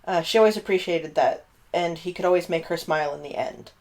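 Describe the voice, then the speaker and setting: A podcast co-host chats casually and warmly about tabletop game characters, laughing often and using plenty of fillers. She speaks briskly in a lowish voice.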